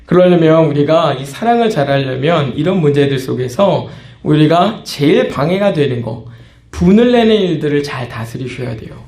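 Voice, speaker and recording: A man's voice: fairly high pitch, expressive, normal speed, a little mellow, roomy sound. A man preaching a sermon as pastor, talking conversationally and acting out small scenes. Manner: conversational preaching, acts out quoted outbursts.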